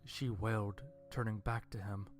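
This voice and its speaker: A man narrating a first-person horror story in a dry, deadpan way. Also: on the low side, normal speed, faint music behind.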